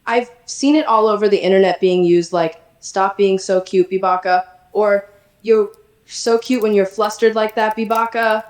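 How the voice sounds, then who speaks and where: A synthetic text-to-speech woman's voice playing a sassy, energetic female poodle chatbot, chatty and teasing. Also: medium pitch, moderate pace, reverberant. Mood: playful.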